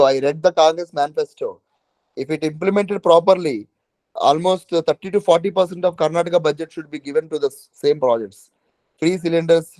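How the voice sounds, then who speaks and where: Male online-class lecturer, South Indian accent, pitched a bit high, very dry recording, repeats himself to check understanding. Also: darkish tone, no room sound, rough recording. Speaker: teacher of a current affairs exam class. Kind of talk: informal online lecture with questions to students.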